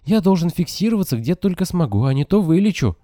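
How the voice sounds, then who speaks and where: A man's voice: fairly high pitch, big pitch swings, fast talker, mellow, no echo, studio quality, pitched above the performer's own voice. A man voicing a shy, pleading sixteen-year-old boy who seems younger than his age, in an audiobook.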